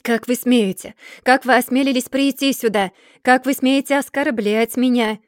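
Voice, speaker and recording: A woman voicing a proud, quick-tempered older gentleman who blusters loudly and hems and haws when embarrassed. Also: a little high, dry recording, studio quality, lightly acted. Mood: furious. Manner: blustering, then faltering with hems.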